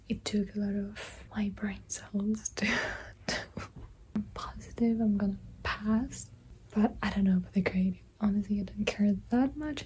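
A woman in her twenties from Greece, vlogging to a phone at arm's length in a small bedroom, her voice gone so she talks in a hoarse whisper. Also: a little high, low-quality recording. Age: 20s. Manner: softly whispered, breathy delivery. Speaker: exchange student vlogger. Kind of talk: casual vlog talk to camera. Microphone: phone camera at arm's length.

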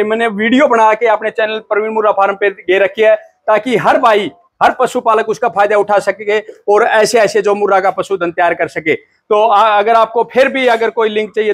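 A man's voice: high voice, a bit bright. A man from India hosting a buffalo farming channel, talking to viewers in a folksy, friendly way. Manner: folksy, addresses viewers as brothers. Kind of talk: casual farm interview.

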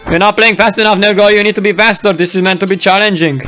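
A man's voice: sits high, steady tone, fast talker, sharp tone, faint music behind, voice pushed up. A man voicing a cocky male sidekick who taunts and nags the player. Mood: taunting. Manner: taunting, nagging.

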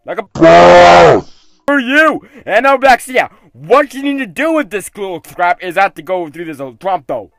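A man hosting excitable video game commentary, exclaiming and scolding the game character, often tacking "though" onto his sentences. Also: sits high, moderate pace, few pauses, dry recording. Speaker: gaming video host.

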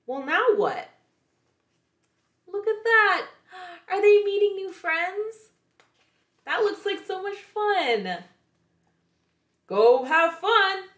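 A woman's voice: extremely high pitch, very animated, drawn-out words, long pauses, a bit bright, roomy sound. A woman, a children's librarian, reading picture books aloud to young kids in a playful way, often asking them questions.

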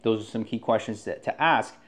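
A man's voice: lowish voice, fairly quick, a bit bright. A man working as a real estate agent, talking casually and rambling with frequent restarts. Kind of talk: casual podcast talk.

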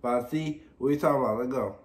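A man's voice: mid-range voice, fast. A man hosting a reaction video in casual, laid-back talk, often tagging his lines with "for real". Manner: laid-back, repeats "like, for real" and "you know what I'm saying". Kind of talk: casual commentary.

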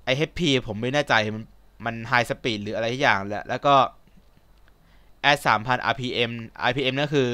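Young man, gaming host, close dry mic, clear voice, casual rambling commentary. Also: medium pitch, moderate pace, bright, forceful tone, no echo. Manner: chatty, rambling, polite Thai particles, asks himself questions.

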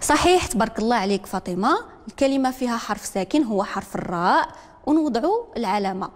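Moroccan lady teaching literacy, says each word twice slow, lots of reverb. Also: a little high, expressive. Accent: Moroccan Arabic. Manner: dictates slowly, repeats each word, calls on learners. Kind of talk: broadcast classroom lesson.

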